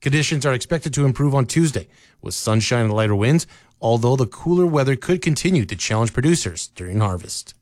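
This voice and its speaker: A man reading a local radio newscast as the anchor, in a steady, measured delivery. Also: mid-range voice, dry recording, clean studio sound. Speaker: news anchor. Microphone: close studio mic, dry.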